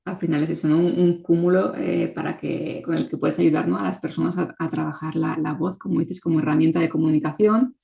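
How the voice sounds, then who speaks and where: A woman hosting a podcast interview, talking in a measured way with frequent questioning tags. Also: low voice, steady tone, creaky, warm tone, muffled recording. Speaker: podcast host.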